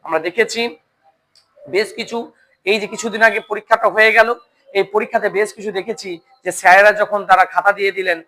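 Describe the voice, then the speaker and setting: Male tutor, moral story talk, high bright voice, keeps checking listeners follow. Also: level tone, fairly quick, pauses often, slight background noise. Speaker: coaching center teacher.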